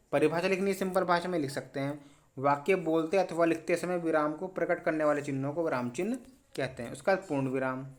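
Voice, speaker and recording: A man teaching an exam revision lesson, moving briskly through questions and often stressing what is important. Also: a little high. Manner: brisk, repeats "important" and "ठीक है".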